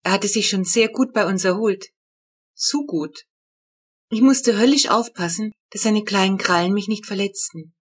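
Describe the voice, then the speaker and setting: A woman reads her own children's book aloud in calm, measured storytelling. Her voice sits in a middle register with a breathy edge. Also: mid-range voice. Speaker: author reading her book. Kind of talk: audiobook narration.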